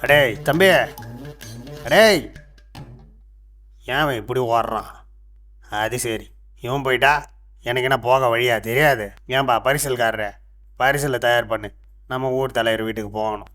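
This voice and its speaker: A man voicing a scheming old sage from a cartoon, easily tricked and quick to cry out. He speaks with a Tamil accent. The voice is bright and forward. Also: medium pitch, fairly even intonation, soft background music, natural voice. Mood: puzzled. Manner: exclaims and grumbles, often loud cries. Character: scheming older male sage, easily fooled, loud. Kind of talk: cartoon dubbing.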